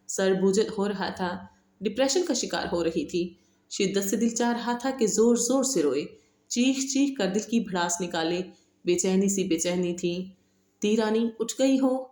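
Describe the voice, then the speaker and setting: Woman narrating a romance novel. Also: mid-range voice. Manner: steady, dramatic storytelling. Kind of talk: audiobook novel reading. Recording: echoey room.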